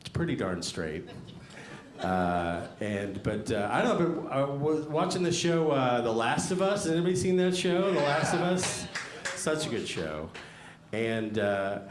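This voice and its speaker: A man doing conversational, wry observational stand-up comedy in a club, with audience laughter. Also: mid-range voice. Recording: echoey club room, clear background noise. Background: crowd laughter.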